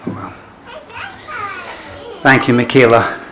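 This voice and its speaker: A man serving as funeral celebrant, gently introducing the next speaker. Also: mid-range voice, little pitch movement, slow, faint music behind. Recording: distant, noisy room recording.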